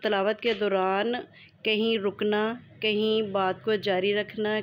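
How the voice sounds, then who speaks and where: A woman teaching Quran recitation, explaining each term patiently and methodically to her viewers. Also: mid-range voice.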